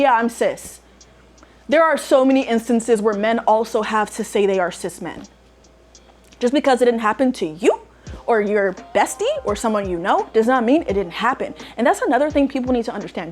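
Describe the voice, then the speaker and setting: Young woman ranting casually, fed up, lots of "like", kinda high voice. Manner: exasperated, emphatic ranting with frequent "like". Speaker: social media commentator. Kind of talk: casual commentary.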